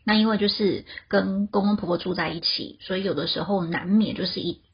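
A woman speaks candidly and reflectively in a very husky, creaky voice. She is measured, as a guest answering personal questions, and the recording is dull and lo-fi. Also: mid-range voice, steady tone. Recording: dull, muffled lo-fi audio.

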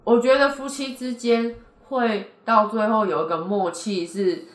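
A woman's voice: fairly high pitch, steady tone, measured pace. A woman, co-hosting a casual chat and pressing her partner with direct, impatient questions. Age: 40s. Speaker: podcast co-host. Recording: roomy echo.

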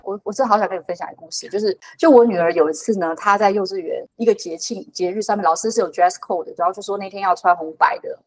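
A podcast guest, a woman in her thirties or forties with a medium-pitched voice, tells a personal story quickly and animatedly, full of fillers and restarts. Soft music plays behind her, and the audio is poor.

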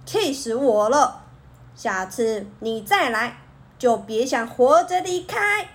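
A woman's voice: on the high side, expressive, measured pace, bright, forceful tone. A woman playing a grumpy, hot-tempered poor young man in a children's story, speaking angrily. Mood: angry. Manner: angry, scolding.

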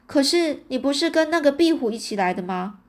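Brief: anxious young girl, read by a woman, urgent, high-pitched. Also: big pitch swings, moderate pace. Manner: worried, urgent.

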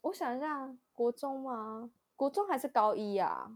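A young woman co-hosting a podcast tells a story with animation in a casual chat, laughing often and imitating the voices of the people involved. Her voice is high and her pace moderate.

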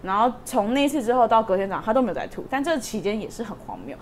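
A young woman co-hosting a podcast, telling a story in casual chat with animated delivery and lots of laughter. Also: a little high, very fast. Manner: animated, laughing, acts out voices in quotes. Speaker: podcast co-host.

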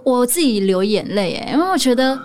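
A woman's voice: a little high, animated, brisk, darkish tone, soft background music. A woman interviewing a guest as host, in a casual chatty style.

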